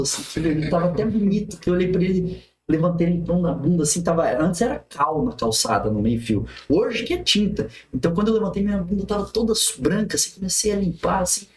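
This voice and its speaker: A man's voice: high-pitched, quick pace. A man as a podcast guest, telling a personal story vividly, with restarts and quoted speech. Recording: roomy echo.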